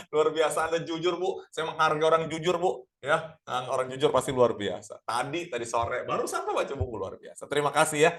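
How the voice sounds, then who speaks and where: Middle-aged male sales trainer, energetic, quick delivery, keeps asking the audience questions. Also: fairly high pitch. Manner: energetic, addresses audience as Bapak Ibu, rhetorical questions. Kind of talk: lively online sales class.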